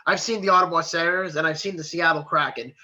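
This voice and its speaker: Bright-voiced opinionated male co-host. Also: on the high side, fairly even intonation, quick pace. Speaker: podcast co-host. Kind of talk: casual live sports podcast chat. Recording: dull lo-fi stream audio.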